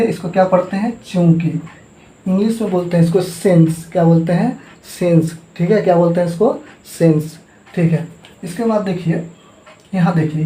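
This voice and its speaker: High-voiced yet dark in tone, a man leads a classroom math lesson in an echoey room. He repeats every term and asks the class to echo it back to him, call-and-response style.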